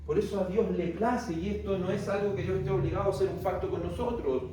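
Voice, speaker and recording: A man with a high voice delivers a Bible lecture and poses questions to his listeners before he answers them himself. He is heard from a distance, in a strongly echoing room. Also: fast talker, warm tone, a little hiss or hum. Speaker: Bible teacher. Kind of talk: theology class lecture. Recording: very echoey room, distant mic.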